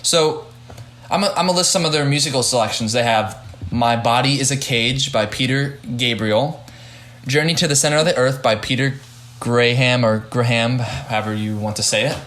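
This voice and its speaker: A young man hosts a laid-back podcast and talks things over in a middle-pitched voice. He hedges often, restarts his sentences and fills gaps with "like" as he thinks aloud. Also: fairly bright tone, echoey room. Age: young adult. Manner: halting, hedging, many restarts. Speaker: podcast host and judge. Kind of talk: casual podcast chat.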